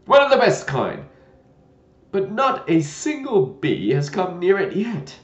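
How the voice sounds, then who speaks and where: A man voicing a gentle, fussy old knight who talks loudly and fretfully. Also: fairly high pitch, very animated, takes it slowly, pitched above the performer's own voice. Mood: fussy eager. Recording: dull lo-fi roomy recording.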